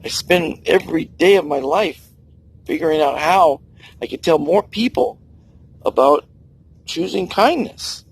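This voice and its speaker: By the sea, an American kindness vlogger in his sixties delivers an earnest personal monologue with a fairly high, husky, gravelly voice, lively intonation and emphatic swings. He speaks unhurriedly with long pauses, and the recording is rough.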